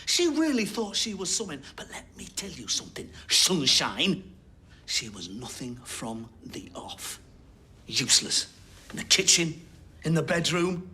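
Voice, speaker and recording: An actor playing a controlling, bitter older Northern English husband on trial in a TV soap, his calm turning to angry scorn. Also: sits high, moderate pace, exaggerated voice. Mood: angry contempt. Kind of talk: TV soap courtroom acting.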